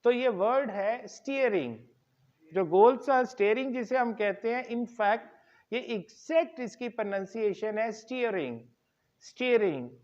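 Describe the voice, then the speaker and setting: A man's voice: very high voice, darkish tone, muffled recording. A man teaching English pronunciation in a classroom lecture, repeating each word and putting questions to his learners. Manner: explains slowly, repeats words, asks the class questions.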